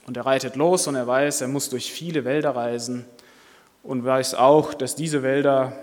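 A man preaching a sermon in German, retelling a story in an earnest narrative way. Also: mid-range voice. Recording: long hall reverb.

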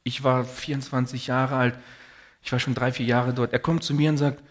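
A man's voice: medium pitch, level tone, normal speed. A man preaching a sermon in an earnest, personal way, telling stories and reading Bible passages.

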